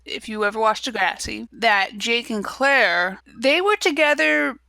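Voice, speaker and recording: A woman's voice: a little high, unhurried, gravelly, sharp tone, no echo. A woman co-hosting a casual podcast chat, giggling often and rambling with fillers. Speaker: podcast co-host.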